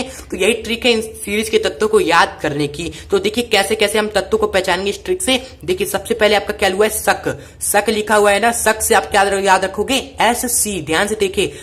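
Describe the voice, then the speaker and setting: Teacher, woman, repetitive drill-style explainer, mid-pitched. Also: fairly bright tone. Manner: repetitive, call-and-response drilling. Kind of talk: chemistry mnemonic lesson.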